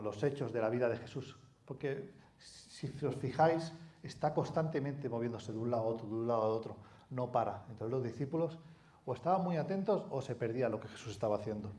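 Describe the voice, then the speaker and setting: A man's voice: mid-range voice, warm tone. A man from preaching a sermon in a conversational way, asking the congregation rhetorical questions and adding asides. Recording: echoey hall.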